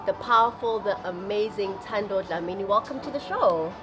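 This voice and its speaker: A woman's voice: mid-range voice, moderate pace, poor audio. A woman hosting a conversational interview in an effusive, gushing manner. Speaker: show host, interviewer. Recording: music under the talk. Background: music.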